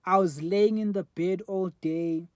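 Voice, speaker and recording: A man's voice: high-pitched, fairly even intonation, unhurried, darkish tone, no room sound. A man in his twenties with a South African accent, rambling candidly to a phone camera in a casual reflective monologue. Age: 20s. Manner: rambling and candid, many fillers. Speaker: vlogger. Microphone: phone front camera.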